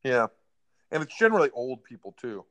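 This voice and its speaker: A man's voice: mid-range voice, big pitch swings, fairly quick, a bit bright, no room sound. A man co-hosting a casual chat, mocking and incredulous as he needles his friend. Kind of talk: casual banter.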